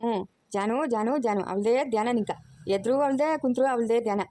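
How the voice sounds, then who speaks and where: Woman voicing a cartoon village grandmother, rural Chikkaballapur Kannada accent, rapid coaxing talk, soft warm tone, slightly high. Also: no echo, clean studio sound, lightly acted. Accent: rural Kannada, Chikkaballapur region. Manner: coaxing, soothing. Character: doting rural grandmother, tender and fretful. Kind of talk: cartoon voice acting.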